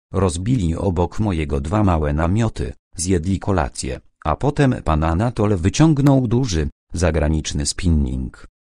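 A man narrating a first-person audiobook in a calm, measured way. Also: sits low, dry recording, studio quality.

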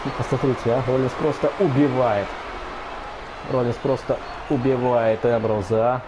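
A man giving excitable wrestling commentary over video game play, exclaiming and repeating his phrases. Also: mid-range voice, normal speed. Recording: clear background game noise.

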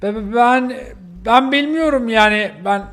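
A man's voice: extremely high pitch, unhurried, fairly bright tone, pitched above the performer's own voice. A man voicing a poor, timid stray dog who stammers and pleads in a game role-play. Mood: pleading.

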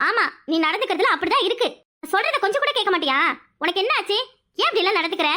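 A performer voicing a blunt, sharp-tongued young village woman in a cartoon, with a Kanyakumari Tamil accent. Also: extremely high pitch, very animated, fast, full character voice. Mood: scolding. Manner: scolding, blunt. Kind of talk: cartoon voice acting.

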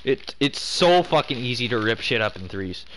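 A man's voice: mid-range voice, big pitch swings, normal speed, a bit bright, rough recording. A young man in casual gaming chat, trading crude, sweary banter. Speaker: online hockey game player.

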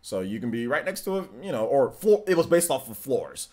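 This is a man in his thirties on a casual live stream from his gaming room at home, responding to chat. He sounds very animated and warm, with a mid-range voice and a fairly quick pace, laughing frequently and repeating himself as he goes.

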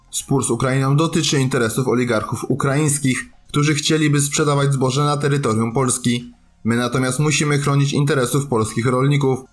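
A man reading scripted news narration as a voice-over, reporting in a formal written style. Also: mid-range voice. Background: background music.

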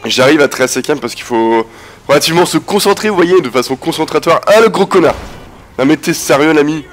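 A man with a head cold commentating a video game casually, swearing, laughing and yelling at the action. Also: a little high, expressive, quick pace, a little hiss or hum. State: has a cold, stuffy. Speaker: gameplay commentator. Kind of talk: casual let's-play commentary.

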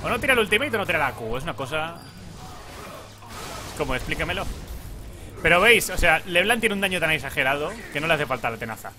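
A man's voice: on the high side, big pitch swings, fast, long pauses, pushed and bright, a little hiss or hum. A young man from Spain with a Spanish accent, chatting casually over his gameplay, laughing and swearing at the lag. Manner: laughing, swearing, mock pleading at the game. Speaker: gaming YouTuber. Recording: faint music behind.

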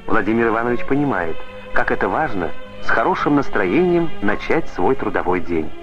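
A man reading formal narration for an old 1980s newsreel in a measured announcer manner. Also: lowish voice, very animated, a bit bright. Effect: old 1980s newsreel soundtrack. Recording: dull lo-fi film sound with faint music.

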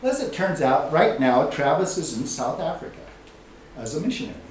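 A man teaching a training session, telling stories and acting out the voices of the people in them. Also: normal speed. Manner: acts out quoted dialogue with lively swings in pitch. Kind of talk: animated storytelling lesson. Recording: very echoey room, distant mic, faint hiss.

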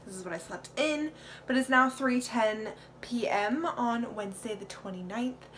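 A woman's voice: on the high side, normal speed, a bit bright. Young woman vlogger, chatty and rambling, phone mic in a home kitchen with faint hiss. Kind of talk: casual vlog chat. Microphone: phone camera.

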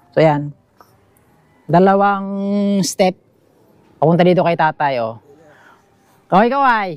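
A vlogger with a high-sitting voice and a Filipino accent shows viewers around a small bamboo house outdoors, filming on an action camera he holds. His narration is casual and chatty, full of "guys" and pointing things out, with no room sound.

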